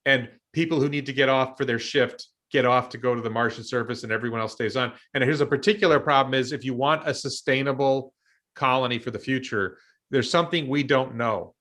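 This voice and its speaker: An American man in his fifties talks through his ideas in a casual discussion. His voice has a bright, forward ring. He thinks aloud, stopping and restarting his sentences with plenty of ums. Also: medium pitch, fairly quick. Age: 50s. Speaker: show host and investor.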